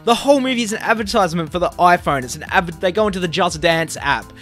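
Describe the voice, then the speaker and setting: A man's voice: sits high, lively intonation, fast, a bit bright, faint music behind. A young Australian man ranting casually about bad movies, sarcastic and exasperated, swearing often. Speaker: movie reviewer.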